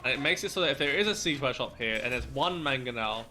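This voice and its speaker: A man's voice: mid-range voice, animated, quick pace, pushed and bright. A man commentating a live strategy game match, breaking down plays analytically and laughing often. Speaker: esports caster.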